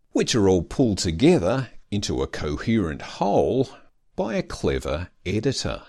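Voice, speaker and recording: Low-voiced man with dry, lively delivery. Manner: dry, self-mocking humor. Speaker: podcast host, doctoral student. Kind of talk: scripted podcast narration.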